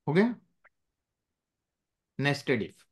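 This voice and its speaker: A man's voice: on the high side, big pitch swings, very slow, slightly rough. A male teacher taking a live class, with a voice that rises and falls a lot as he explains. He mixes in English phrases and keeps stopping to check that everyone is following.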